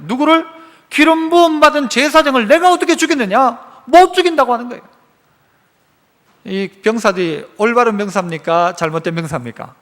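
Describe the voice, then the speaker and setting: High-voiced pastor preaching in a reverberant church. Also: male voice, sharp tone. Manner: asks the congregation questions and answers them himself; acts out the quoted speech of the story's characters. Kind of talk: sermon. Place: church sanctuary.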